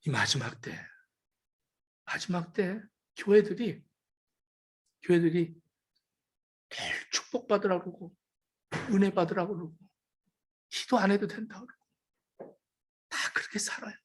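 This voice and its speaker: A woman pastor preaching a sermon with emphatic rhetorical questions, moving between loud calls and hushed asides. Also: on the low side, expressive, unhurried, long pauses, breathy edge.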